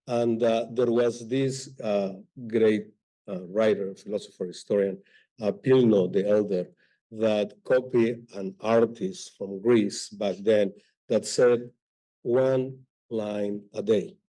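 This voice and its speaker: A man speaking as an author on a live library panel, halting and searching for words as he talks. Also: lowish voice, fairly even intonation, mellow. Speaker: author on a panel, also teaches. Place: library event hall.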